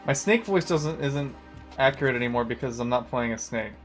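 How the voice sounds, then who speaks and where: A man's voice: mid-range voice, brisk, soft background music. A man live-streaming a video game, chatting casually with lots of swearing and bro slang. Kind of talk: casual live-stream chat while gaming.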